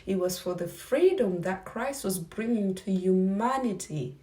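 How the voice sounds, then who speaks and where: Zimbabwe-born woman vlogger, earnest and questioning, warm low-key timbre, slightly distant mic. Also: animated, measured pace. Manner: earnest, asks many rhetorical questions. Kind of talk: reflective faith talk to camera.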